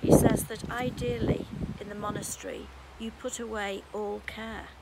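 A British woman in her sixties, a priest giving a calm, measured sermon in her garden, read from notes into a phone. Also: medium pitch, heavy background noise. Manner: calm, measured, reflective delivery. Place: garden outdoors. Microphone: phone camera held close.

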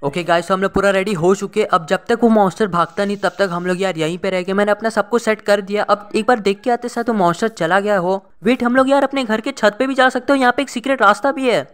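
A man giving excitable gameplay commentary, chatty with his viewers and breaking into frantic exclamations. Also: high voice, quick pace, hardly any pauses, clear, resonant tone. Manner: chatty, addresses viewers as guys and brother. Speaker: gaming channel host.

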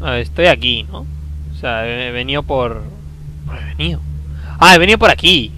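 A man from commentating a video game he is playing, talking to himself, with a sore throat, excitable and prone to loud outbursts. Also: medium pitch, normal speed, slight background noise, rough recording. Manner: excitable, talks to himself, bursts into loud exclamations. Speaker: gameplay commentator. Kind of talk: let's play commentary.

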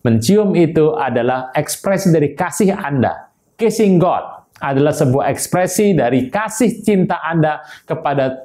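Male preacher, higher-pitched, emphatic direct address to the audience. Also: dark tone. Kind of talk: online sermon teaching.

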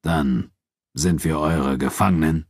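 A man reading an audiobook and voicing a scornful, gruff male leader of a travelling troupe who growls his replies. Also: rumbling low, takes it slowly, dry recording, clean studio sound, exaggerated voice.

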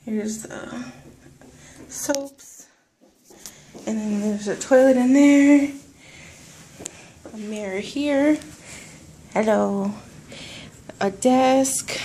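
Woman walking thru a hotel room on her phone, kinda high voice, slow and easy, noisy room sound. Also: warm tone. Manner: slow, easygoing pointing-out of things. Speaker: vlogger giving a hotel tour. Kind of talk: casual walkthrough narration. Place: hotel room and gym, indoors. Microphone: handheld phone camera.

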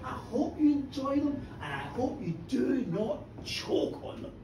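A man's voice: very high-pitched, sing-song, a little slow, background noise, exaggerated voice. A man voicing the sneering, sarcastic ghost of a poor old woman in a live folk tale, recorded from a distance in an echoey pub room. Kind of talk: live storytelling.

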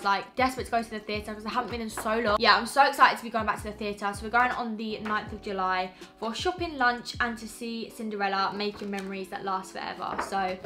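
A woman's voice: a little high, pushed and bright. A woman in her early twenties with a British accent, gushing enthusiastically as she shows off her birthday gifts in a vlog. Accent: British English. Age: early 20s. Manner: gushing, enthusiastic, repeats "absolutely". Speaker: vlogger. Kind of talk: birthday gift haul vlog.

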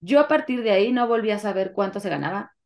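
A young adult woman with a Mexican Spanish accent talks fast in a medium-pitched voice while telling her story as an interview guest. She is animated, voicing the quoted dialogue as she goes.

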